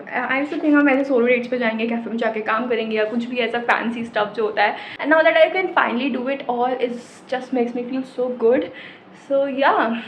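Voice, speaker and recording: A woman's voice: a little high, lo-fi sound, a little hiss or hum. A young woman in her twenties with an Indian accent, chatting casually to her phone camera in a vlog, mixing Hindi and English. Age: 20s. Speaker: vlogger. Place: cafe, indoors.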